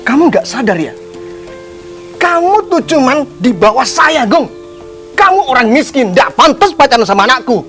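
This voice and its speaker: A man's voice: high voice, animated, fairly quick, soft background music. An actor playing an arrogant rich father who scolds and scorns a poor young man. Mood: scornful. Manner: contemptuous, scolding.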